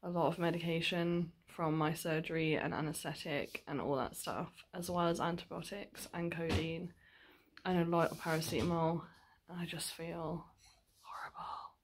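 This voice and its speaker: Her voice is low, her intonation fairly even, and she talks at a normal speed over a noisy background. She's a vlogger in her twenties, casually and wearily addressing her video diary in a small home living room or bedroom while tired, nauseous and sore-jawed after dental surgery.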